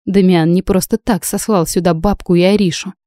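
A woman reading a first-person audiobook in an even, steady manner. Her tone is mellow and soft-edged, and the recording is dry and close to the mic. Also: lowish voice, moderate pace, no room sound. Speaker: narrator. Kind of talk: audiobook narration.

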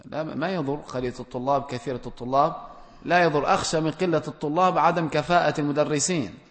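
Reading out questions from his audience, a male religious scholar responds to each with straightforward rulings and mild admonishment. He talks fast in a slightly high voice with fairly even intonation. A long reverb trails his words, as in a mosque or large lecture hall.

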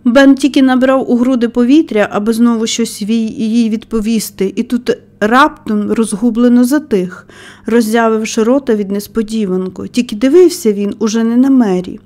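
A woman reading a children's novel aloud as audiobook narrator, with expressive storytelling. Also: fairly high pitch, moderate pace. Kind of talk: scripted narration.

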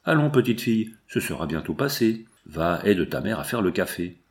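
A man's voice: low-pitched, very animated, moderate pace. A man voicing a stern, commanding father who gives firm orders in an audiobook. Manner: firm, authoritative.

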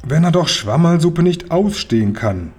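Slow, polite old storybook grandmother, a touch higher, husky, man reading. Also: animated, a little mellow. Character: elderly grandmother, cautious and fussy.

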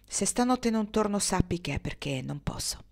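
A woman's voice: mid-range voice, expressive, normal speed, creaky, darkish tone. A woman reading Hiram, an earnest frontier man.

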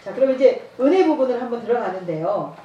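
Woman preacher, lively storyteller who acts out dialogue, higher voice, echoey hall, heard from a distance. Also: quick pace, lo-fi sound, slight background noise. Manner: storytelling, acting out dialogue, laughing often. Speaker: evangelism trainer. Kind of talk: sermon with personal testimony. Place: church.

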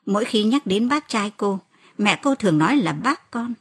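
A woman reads a novel aloud as an audiobook narrator, her voice slightly husky. Her pitch moves freely and expressively through the telling, rising for the characters' cries. It is a scripted storytelling delivery. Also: moderate pace. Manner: expressive reading, lifts her voice for quoted cries.

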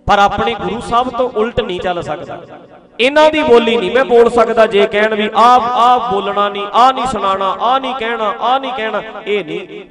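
A man preaching from a stage in a fairly high voice, earnest and pleading as he repeats his points to the congregation. He speaks into a stage microphone. A large crowd is heard clearly around him. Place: outdoor religious gathering stage. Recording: crowd noise from a large gathering.

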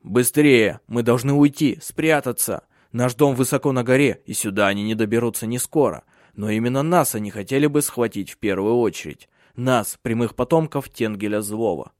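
A man voicing a steady, protective husband and father in an audiobook. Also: mid-range voice, normal speed, hardly any pauses, no room sound, studio quality, natural voice. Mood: urgent. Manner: firm, commanding.

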